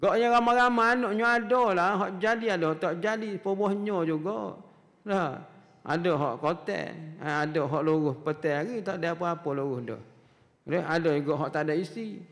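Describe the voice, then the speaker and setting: A man's voice: high-pitched, moderate pace, a bit bright. A man with a Kelantan Malay accent giving a weekly mosque lecture as a religious teacher, talking conversationally with rhetorical questions and frequent "ha" interjections. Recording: long mosque hall reverb.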